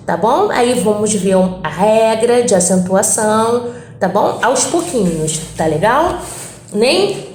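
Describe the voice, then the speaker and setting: Brazilian woman teacher, slow and patient, slightly high voice, echoey room, recorded lesson. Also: darkish tone. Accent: Brazilian Portuguese. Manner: patient, repeats points and checks in with frequent "tá?". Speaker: Portuguese teacher. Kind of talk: recorded lesson going over textbook exercises.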